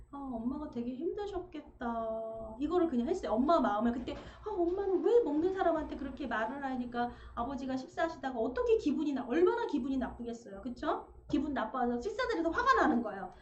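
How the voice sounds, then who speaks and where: A woman delivers a sermon in a high, bright-pitched voice, acting out everyday family conversations as she tells her stories. Her voice rings through a reverberant church sanctuary, and the livestream sound is slightly dull. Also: slight background noise. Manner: animated storytelling, acting out family dialogue. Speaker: preacher.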